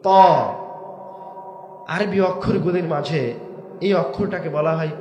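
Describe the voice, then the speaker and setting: A man preaching a waz sermon, swinging between shouted emphasis and low drawn-out words, with rhetorical questions to the crowd. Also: fairly even intonation, echoey room, noisy background. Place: large outdoor religious gathering.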